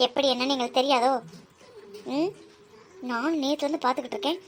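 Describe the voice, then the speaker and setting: A woman voicing a domineering middle-aged aunt in a cartoon, who scolds and threatens in a slow, heavy way. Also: high voice. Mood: scolding. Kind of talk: Tamil cartoon voice acting.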